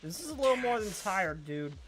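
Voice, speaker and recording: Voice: mid-range voice, big pitch swings, fairly quick, a bit bright, soft background music. A streamer giving casual, wry gameplay commentary and talking back to the game.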